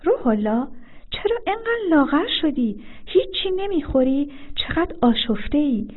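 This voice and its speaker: A woman reader voicing an anxious young wife worried for her husband, asking high, pleading questions. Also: big pitch swings. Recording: phone-like narrow sound.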